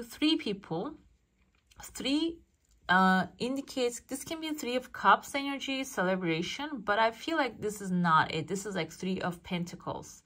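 A fortune teller who hosts her own channel gives a casual coffee cup reading, addressing the viewer directly and thinking aloud as she interprets. Her voice is mid-range with a fairly bright tone.

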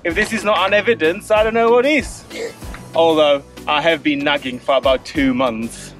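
A man with a high voice talks casually on a sailing vlog, teasing and playful, stretching out his jokes. As the boat's first mate, he sounds light and mischievous. Music plays clearly underneath him. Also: normal speed, fairly bright tone.

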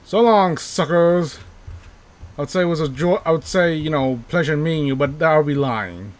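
A gaming YouTuber with a slightly high voice talks at a moderate pace through a casual let's-play. He's chatty and pokes fun at himself, repeating his words when things get tense, and jokes that English isn't his first language.

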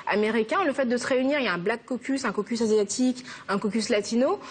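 A young woman from France, a guest in a TV interview, answering earnestly and quickly, thinking aloud as she goes. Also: on the high side, husky. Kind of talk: TV interview conversation.

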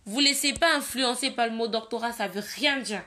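A woman's voice: fairly high pitch, a little fast, pushed and bright. A young woman from Cameroon talking bluntly and emphatically on a casual live video, often repeating her points. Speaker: livestreamer giving her opinion.

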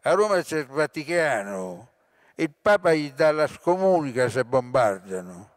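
A man voicing a toothless, hysterical man who sneers in a panic during an air raid, delivered slowly, in a dry recording. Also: medium pitch, sing-song, no room sound. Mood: sneering.

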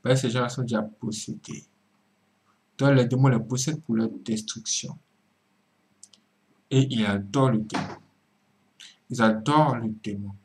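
A man preaching in a video commentary, swinging from emphatic cries down to low murmured asides and repeating words for emphasis. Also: steady tone, measured pace, pauses often. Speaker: religious commentator.

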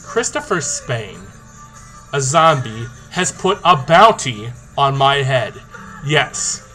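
A young man records a casual vlog on a webcam in a small room, with music playing faintly behind him. His voice is bright and forceful at a middle pitch. He talks in a playful, boastful, animated way. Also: low-quality recording. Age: young adult. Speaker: video diarist in a zombie tag game. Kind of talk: casual vlog talk to camera. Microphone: webcam or laptop mic at arm's length. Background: rock song playing.

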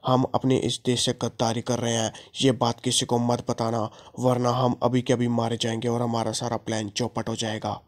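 A man's voice: mid-range voice, monotone, moderate pace, hardly any pauses, pitched below the performer's own voice, lightly acted. A man voicing a traitorous police commissioner giving orders over the phone. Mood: scheming. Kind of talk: gameplay story voice-acting.

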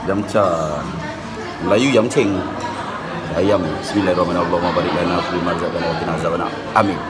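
A man's voice: deep voice, little pitch movement, fast. A man with a Malaysian Malay accent, vlogging a food review in a casual, teasing, joking way. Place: busy market food stall. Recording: loud music and crowd noise behind.

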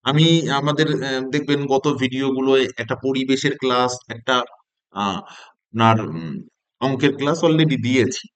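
A man giving a model lesson, talking to imagined young pupils and then to trainee teachers, with slow, drawn-out stress on key words. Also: mid-range voice, clear, resonant tone. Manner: lively, animated classroom delivery to imagined children. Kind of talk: demo class for teaching-job candidates.

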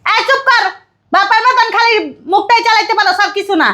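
A woman's voice: extremely high pitch, steady tone, brisk, bright, forceful tone. A woman playing a nagging middle-aged wife and mother with a Bangladeshi Bengali accent, scolding and insulting.

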